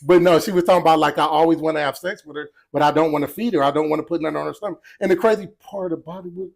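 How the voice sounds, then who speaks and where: A man's voice: fairly high pitch, steady tone, very fast, creaky. A man chatting casually as a podcast guest, laughing often and trailing off mid-sentence. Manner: laughing storyteller, trailing off and restarting. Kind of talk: casual chat.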